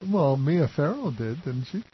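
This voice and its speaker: A man's voice: a little high, sing-song, unhurried, a little hiss or hum. A man chatting casually on a radio talk show, hesitant, with fillers. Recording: lo-fi radio broadcast.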